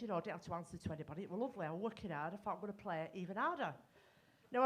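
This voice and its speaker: A middle-aged woman from North West England, performing a bawdy, self-mocking stand-up comedy set at a live gig. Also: medium pitch.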